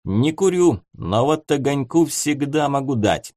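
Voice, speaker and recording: A man's voice: mid-range voice, expressive, measured pace, darkish tone, no room sound, pitched above the performer's own voice, lightly acted. A man voicing a cocky young soldier who talks in a sarcastic, slangy, mocking way. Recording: dry close studio sound.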